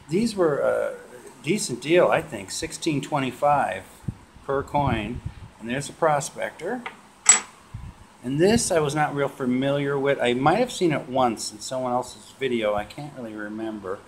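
A man showing off his coin purchases in a casual vlog, relaxed and rambling, with lots of filler sounds. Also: medium pitch, measured pace. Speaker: coin collecting vlogger. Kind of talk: casual show-and-tell vlog. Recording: noisy home video recording.

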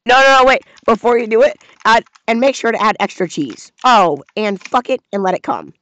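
A man's voice: high voice, animated, moderate pace, bright, forceful tone, no room sound. A young man in a joking casual chat on a voice call, giggling and egging his friend on. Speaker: co-host on a call. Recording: dry dull lo-fi voice call.

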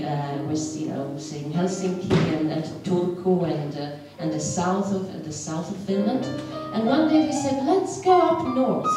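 A middle-aged Polish woman with a Polish accent shares a personal story at a community event, hesitant and pausing often with fillers, her voice lowish. She speaks into a handheld mic on the stage of a large wooden hall, recorded from far off so the room sounds echoey.

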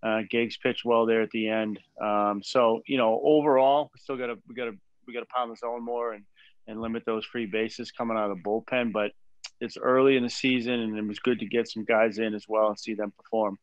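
A man in his forties, a head baseball coach, answering press questions after a game in a measured way with many fillers and restarts, over a video call from a small room. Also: lowish voice, flat delivery, no echo. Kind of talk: postgame press conference. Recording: dull dry video call audio.

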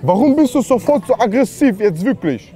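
A man filming a street prank video outdoors, talking in a playful, deliberately broken German persona. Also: high-pitched, big pitch swings, warm tone. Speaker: prankster YouTuber.

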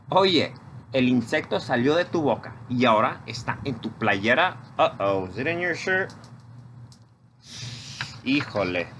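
Man, children's storytime host, bright tone, unhurried. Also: medium pitch, a little hiss or hum. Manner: switches between English and Spanish, playful and coaxing. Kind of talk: bilingual interactive storytime.

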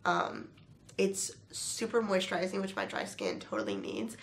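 A young woman vlogger talks to camera with the stuffy, nasal voice of a bad cold. Her tone is gravelly with vocal fry, and she rambles along in a chatty, apologetic way. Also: fairly low pitch, very animated, normal speed. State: sick, congested nasal voice. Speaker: beauty vlogger. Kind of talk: casual chat to camera.

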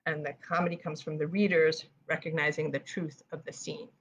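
A woman with a New York accent, an author giving a chatty live-streamed presentation with writing tips. She talks fast, with many fillers like "um" and "like.". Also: deep voice, flat delivery, dull audio, slight background noise.

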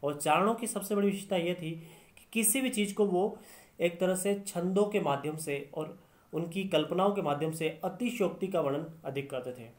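A man's voice: sits high, moderate pace. A man teaching Hindi literature in a lecture, explaining step by step and repeating key phrases. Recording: echoey room.

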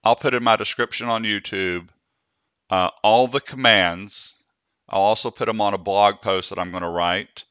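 Slow, deliberate man demonstrating dictation. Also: fairly low pitch, fairly even intonation, a bit bright, smooth, no echo. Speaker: software tutorial host. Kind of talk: screen-recorded software tutorial.

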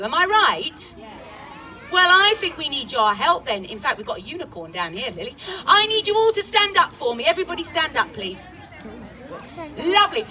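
A woman with a high-pitched, bright and forceful voice presents a live children's show on an outdoor farm show stage, coaxing the kids through cheery call-and-response. It was filmed from the audience at a distance, with a crowd of children and music in the background.

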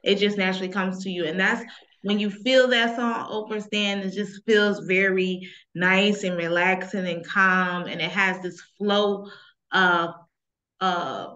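A woman's voice: medium pitch, steady tone, a little slow, pushed and bright, highs cut off. A woman hosting an interview show, upbeat and encouraging, speaking both to her guest and to the viewers. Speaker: talk show host.

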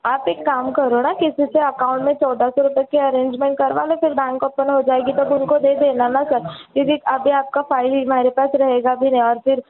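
Fast-talking pushy woman over the phone. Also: high voice, level tone. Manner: pushy, talks over the other person. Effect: heard over a phone line. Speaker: loan repayment caller. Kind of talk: heated phone call. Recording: tinny phone-line recording.

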